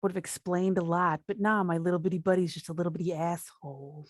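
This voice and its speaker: A woman's voice: fairly low pitch, fairly even intonation, brisk, dry recording, studio quality. A woman player in a tabletop game, casual and making crude joking asides.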